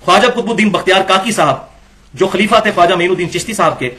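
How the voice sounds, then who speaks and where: Speaking in a high voice with a fairly bright tone, a man delivers an Islamic lecture. He reads from books aloud, then challenges the passages argumentatively, using rhetorical questions to critique them.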